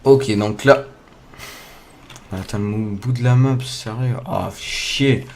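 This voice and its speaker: A young man giving casual let's play commentary, excitable, swearing often, talking to his viewers, with loud startled outbursts. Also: medium pitch, slow, slight background noise. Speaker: gamer playing a survival game. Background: faint game music.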